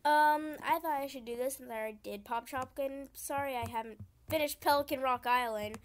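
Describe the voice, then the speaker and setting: A young woman YouTuber gives running commentary as she plays a computer game. She keeps up a chatty flow and vents her frustration out loud. Her voice sits a bit high, and a faint background hiss runs under the recording. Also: brisk. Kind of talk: gaming commentary.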